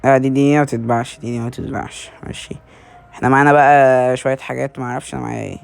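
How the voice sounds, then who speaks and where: A man with an Egyptian Arabic accent giving casual gameplay commentary, excitedly calling out to his teammates and teasing them. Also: mid-range voice, racing, vocal fry, clean tone. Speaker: gaming video creator.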